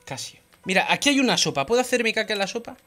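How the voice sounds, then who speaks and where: A woman with a Spain Spanish accent giving excited gameplay commentary, often shouting and laughing. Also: medium pitch, fast talker. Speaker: gaming youtuber.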